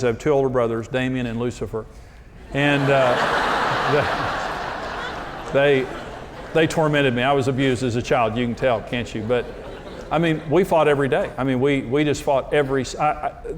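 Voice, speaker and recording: A man teaching on marriage through humorous, self-deprecating personal stories, told in an animated way. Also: mid-range voice, slight background noise. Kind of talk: personal storytelling talk.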